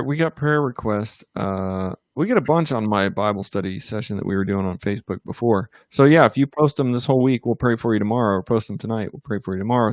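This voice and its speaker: A man's voice: mid-range voice, no echo. A man co-hosting a casual ministry livestream from a home studio, talking loosely with many fillers and restarts. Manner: rambling, upbeat, lots of fillers and restarts. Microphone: computer or webcam mic in a home studio.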